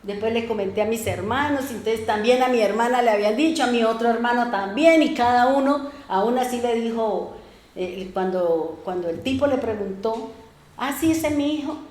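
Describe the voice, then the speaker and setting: High-voiced woman pastor preaching. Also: moderate pace, roomy sound. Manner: lively storytelling preaching, acts out voices. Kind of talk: sermon. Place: church.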